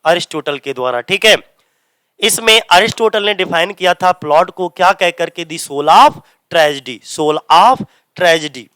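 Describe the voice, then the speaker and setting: A man teaching English literature for exams in mixed with English, asking his students questions and answering them himself, and reading English lines slowly before explaining them. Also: high-pitched, lively intonation, bright, forceful tone, clean tone, no echo. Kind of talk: exam-prep lecture in Hindi mixed with English. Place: coaching centre classroom.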